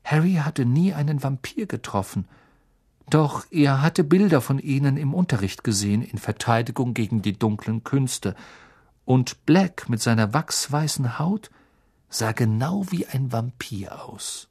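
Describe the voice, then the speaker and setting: An audiobook narrator reading a fantasy novel in measured storytelling. The narration is scripted and steady between character voices. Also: mid-range voice, husky. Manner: measured storytelling, lively intonation.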